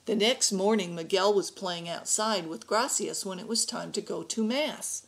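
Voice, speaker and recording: A woman reading a picture book aloud to an adult learning class, slow and expressive. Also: mid-range voice, vocal fry.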